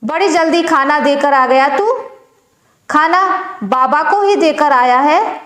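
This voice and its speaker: Storybook stepmother, harsh and taunting, high and slow, as a woman narrator puts her on, echoey room. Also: a bit bright. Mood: scornful. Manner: scornful, taunting. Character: harsh scolding stepmother, middle-aged woman.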